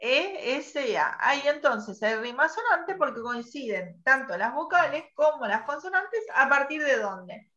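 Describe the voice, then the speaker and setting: A woman teacher leading an online class, patiently quizzing students and spelling out sounds slowly. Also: high voice, very animated, bright, forceful tone. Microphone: video call. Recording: muffled online call audio.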